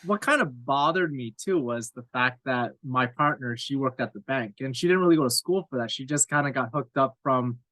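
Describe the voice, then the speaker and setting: Over a dry, low-quality recording, a thirtysomething man from Cape Breton Island, Nova Scotia, rambles candidly through his story in a casual podcast interview, self-deprecating and heavy on fillers. He talks fairly quickly with hardly any pauses, his mid-range voice pushed and bright.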